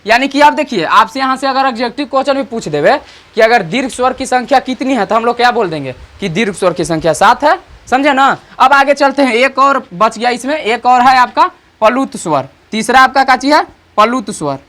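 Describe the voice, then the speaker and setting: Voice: medium pitch, lively intonation, a little fast, a bit bright. Teacher quizzing students. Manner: repetitive, rhetorical questions and checks for understanding. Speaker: online Hindi teacher. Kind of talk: grammar lesson.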